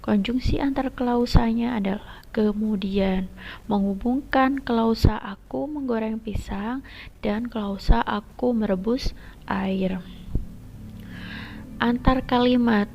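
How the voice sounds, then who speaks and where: A woman teacher explaining a lesson step by step and addressing her students directly, her voice often trailing into a soft whisper. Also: a little high, slow, gravelly, long pauses. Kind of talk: recorded classroom lesson. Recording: lo-fi dull recording.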